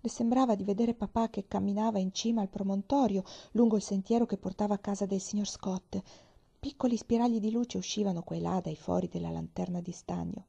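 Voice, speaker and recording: Warm-voiced woman reading a story aloud. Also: medium pitch, a little fast, gravelly, slightly rough. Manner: expressive, drops to whispers. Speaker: reader. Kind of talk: audiobook narration.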